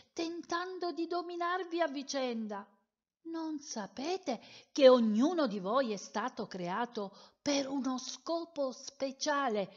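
The rain, a wise female figure in a children's storybook, scolds and guides in a slow, lively voice, as a woman voices her. Her tone rises high, and the sound is slightly dull and lo-fi. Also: full character voice.

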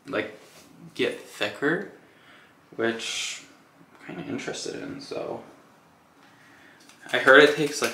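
Young guy, casual vlogger, bright voice, filler-heavy chatter, near camera. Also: medium pitch. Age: young adult. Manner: chatty and rambling, lots of "like". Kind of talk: casual vlog chat to camera. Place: home bathroom and bedroom, also car.

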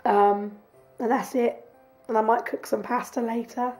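A woman with a hoarse, croaky voice from a cough, chatting casually in a rambling home video diary and laughing often. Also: on the high side, flat delivery, measured pace, darkish tone, soft background music. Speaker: vlogger. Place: home, sofa in front room.

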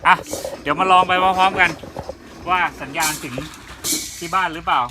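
A man's voice: fairly even intonation, moderate pace. A man narrating a casual outdoor vlog, chatty and exclamatory, often repeating his phrases. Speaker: vlogger. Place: outdoors on a rural hill trail, riding a motorbike. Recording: noisy outdoors with engine and vehicle rumble.

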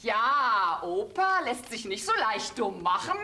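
An actress playing a scheming, easily outraged farmer's wife in a stage comedy, scolding shrilly. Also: female voice, on the high side, sing-song, unhurried, bright, forceful tone, heavily acted. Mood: coaxing. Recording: live stage recording, faint hiss.

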